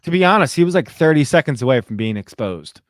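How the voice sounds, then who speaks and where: A man's voice: mid-range voice, quick pace, no room sound, clean studio sound. A young man hosting a podcast, casually and animatedly recapping a TV episode and acting out lines. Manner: animated, recaps plot with quoted voices. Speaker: podcast host. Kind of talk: casual podcast review chat.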